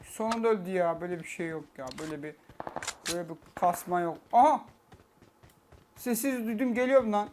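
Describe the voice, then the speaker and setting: A man giving excitable, swearing live gameplay commentary on a cheap microphone. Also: high voice, a little fast, long pauses, background noise. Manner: excitable, shouting, swearing, repeating himself. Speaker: gameplay streamer. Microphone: cheap poor-quality microphone. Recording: loud gunfire over a cheap mic. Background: loud game gunfire and clicks.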